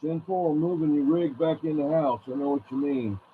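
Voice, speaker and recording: A man with a voice on the high side, speaking at normal speed, chats casually as a CB radio operator and relays calls in folksy radio lingo. The sound is tinny and phone-like, with clear background noise.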